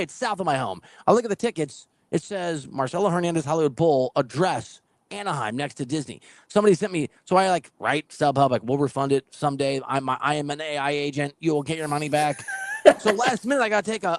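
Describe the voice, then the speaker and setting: Middle-aged guy rattling off a story, lively up-and-down voice, dry close sound. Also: a little high, no room sound. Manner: animated, acts out quotes with laughs. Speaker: co-host telling a story. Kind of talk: casual storytelling chat.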